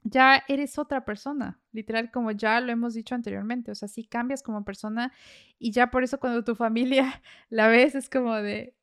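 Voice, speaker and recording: Mexican woman, podcast host, casual chat, smooth clear voice, slightly high. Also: fairly even intonation, fairly quick. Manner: chatty, many fillers and laughs.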